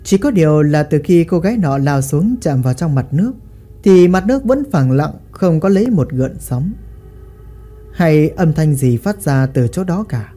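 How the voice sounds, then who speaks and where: A woman narrating a ghost story in a dramatic, expressive way. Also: sits low, moderate pace.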